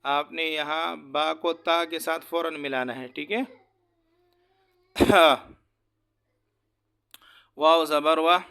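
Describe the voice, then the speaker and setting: Man teaching quran recitation, very clear voice, kinda gravelly, spells it out then chants it slow. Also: fairly even intonation, pushed and bright. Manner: spells each letter and vowel slowly, then recites in a slow drawn-out chant; quick, low asides between drills.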